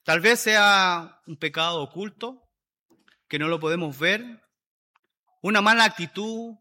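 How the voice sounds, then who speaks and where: A man's voice: sits high, measured pace, bright, forceful tone. A man preaching a sermon, emphatic and repeating his key phrases for weight.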